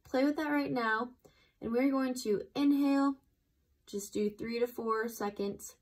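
Gentle breathy woman teaching breathwork. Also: on the high side, low-quality recording. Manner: slow, gentle explanations with instructions to the listener. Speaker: breathwork instructor. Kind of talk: guided breathwork lesson.

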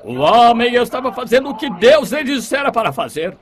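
A man interpreting a sermon, fervent, swinging between hushed lines and shouted cries. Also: very high-pitched, very animated, a little fast. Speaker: interpreter voicing a preacher's sermon.

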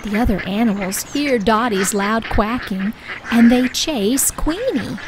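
A woman reading a children's picture book aloud with clear, expressive storytelling. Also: a little high, unhurried, background noise. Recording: soft music bed underneath.

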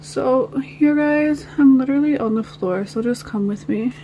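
Sitting on the floor of her home nail studio, a woman vlogs as she tidies up, chatting and rambling to viewers she addresses as "guys." Her voice is high and mellow, at normal speed, with slight background noise.

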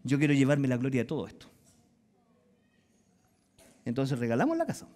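A middle-aged man with a Chilean accent, preaching a sermon as pastor and acting out voices in lively storytelling. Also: mid-range voice, normal speed. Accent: Chilean Spanish. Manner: animated storytelling, acts out voices and dialogue.

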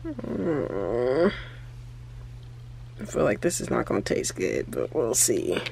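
In her small bedroom, a vlogger in her twenties talks to camera in a chatty, candid way, loaded with fillers and thoughts that trail off. Her voice is rumbling low, gravelly and dark, swooping wildly in pitch at a slow pace. A little hiss or hum sits underneath.

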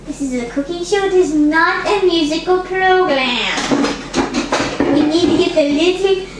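A woman's voice: extremely high pitch, unhurried. A woman puppeteer improvising a cooking show in a home kitchen, playful and giggly with sudden squeals. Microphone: far camera. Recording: echoey kitchen from far off with noise.

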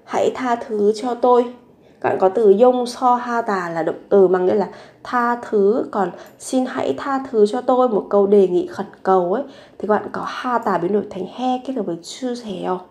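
A woman teacher walks through short phrases one by one, saying each three times before explaining it. Her pitch sits in a middle range, and she keeps a patient, steady lesson rhythm, with frequent rhetorical questions. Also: moderate pace. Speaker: Korean language teacher. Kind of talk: language lesson narration.

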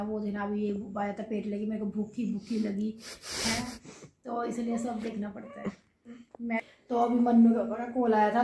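A mother vlogging at home while unwell, her voice a bit hoarse from a cough, chatting on and rambling. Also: fairly high pitch, dark tone. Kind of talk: casual home vlog. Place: home kitchen. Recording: echoey room.

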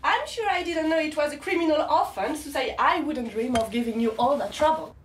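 A woman's voice: high-pitched, lively intonation, a little fast. A prim, wounded girlfriend, icily polite. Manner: icily polite, passive-aggressive, sarcastic self-pity. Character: prim, wounded woman, coldly polite to her boyfriend. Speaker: actress in a short film. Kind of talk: film dialogue, naturalistic acting. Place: living room of a home. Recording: roomy room echo, faint background hum.

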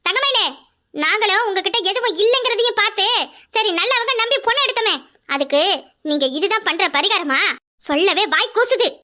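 A woman's voice: extremely high pitch, lively intonation, fairly quick, sharp tone, full character voice. Woman doing a stern cartoon mother-in-law. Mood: cold. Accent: Kanyakumari Tamil. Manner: cold and accusing. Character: proud stern middle-aged mother-in-law.

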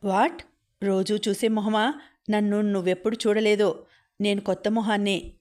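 A woman's voice: medium pitch, fairly even intonation, moderate pace, a little mellow, natural voice. A woman voicing a brash, scheming young man who taunts and boasts, in a storybook reading. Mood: mocking.

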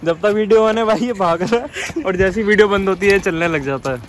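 A young man talks into a handheld phone while riding a bike down city streets, teasing his friend in loose, joking banter. His voice sits a little higher than most men's, and clear traffic and street noise run underneath. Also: brisk. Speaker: vlogger. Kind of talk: casual chat. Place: outdoors on city streets at night and in a gym. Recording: noisy outdoor street ambience.

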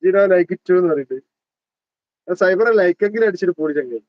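A man in his thirties with a Malabar Malayalam accent hosts a casual livestream, reading comments, joking and teasing viewers as he calls out their names. His voice is a little high for a man, lively in intonation and slightly fast. The phone audio is dull and dry, with no room echo.

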